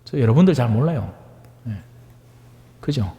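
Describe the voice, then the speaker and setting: Lively priest preaching in a hall. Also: male voice, medium pitch, moderate pace, muffled recording. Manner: conversational, asks the audience for agreement; acts out voices in dialect-tinged asides. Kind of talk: homily on the Gospel.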